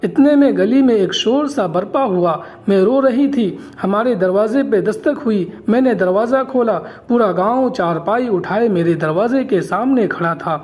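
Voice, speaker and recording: A woman's voice: medium pitch, hardly any pauses, darkish tone. A woman telling a dramatic first-person story in an emotional storytelling manner, as a channel storyteller.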